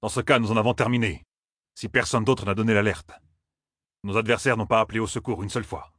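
Man reading as a stern warrior lord, short clipped orders, husky low-ish voice. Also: steady tone, fast, a bit bright, dry recording, clean studio sound.

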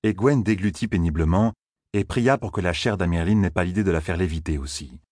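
A man reads a fantasy audiobook with measured, even delivery. His voice is very low and husky, recorded close and dry. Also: dry recording. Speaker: narrator. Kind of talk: audiobook narration.

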